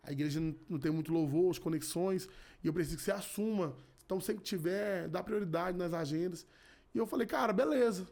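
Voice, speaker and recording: A man's voice: high-pitched, fast talker, vocal fry, a little mellow. Earnest man telling his faith story. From Rio de Janeiro. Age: 30s. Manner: earnest, repeats phrases, many restarts. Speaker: podcast guest, gospel musician. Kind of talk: casual testimony.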